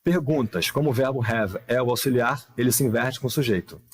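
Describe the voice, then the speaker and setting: A man teaching English grammar in a live online lesson, explaining patiently with many rhetorical questions and reading the English examples slowly and carefully. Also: medium pitch, slightly rough.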